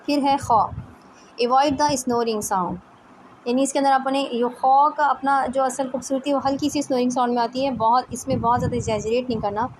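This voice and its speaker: A woman teaching tajweed one-on-one, patiently explaining letters and demonstrating each sound slowly. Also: high-pitched, fairly even intonation, slight background noise, rough recording. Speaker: Quran recitation teacher.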